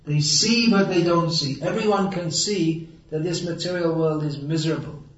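Brief: man preacher with a slightly high voice, wry and emphatic, distant mic in a roomy hall, dull sound. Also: normal speed. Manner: sarcastic and wry, then earnest and emphatic. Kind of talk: sermon.

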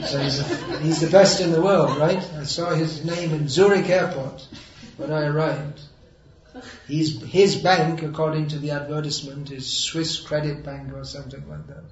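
Brief: man preacher with a slightly high voice, wry and emphatic, distant mic in a roomy hall, dull sound. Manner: sarcastic and wry, then earnest and emphatic. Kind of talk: sermon.

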